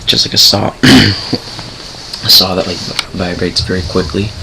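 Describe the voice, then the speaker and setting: Young male gamer, low gravelly voice, rambling casual storyteller, faint hiss behind. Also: slow. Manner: rambling, self-correcting, swears casually. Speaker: gaming channel host. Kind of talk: casual storytelling over gameplay.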